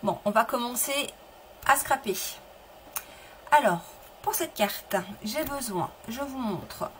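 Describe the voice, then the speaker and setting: In poor audio with slight background noise, a middle-aged woman leads a live craft tutorial on papercraft. Her fairly high, slightly bright voice has lively intonation and a slow pace as she chats, restarts sentences, answers viewers, and displays her materials.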